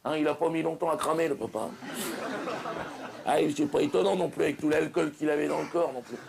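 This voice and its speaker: A man's voice: a little high, a little fast, gravelly, darkish tone. A man playing an exasperated middle-aged doctor on a night call, chatty and impatient, talking over everyone in a one-man comic sketch.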